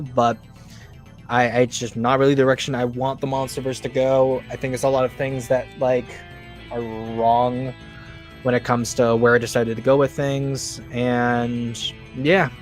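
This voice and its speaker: Guy hosting a chill stream podcast, rambly, lots of uhs and likes, faint music behind. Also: medium pitch. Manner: rambling, many fillers and restarts. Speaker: podcast host. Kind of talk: casual stream commentary.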